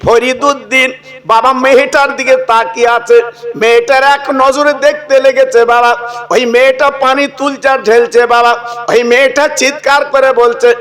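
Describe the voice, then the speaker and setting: A man's voice: very high-pitched, little pitch movement, unhurried, fairly bright tone. A man preaching a sermon, telling a story with acted dialogue and asides to the crowd.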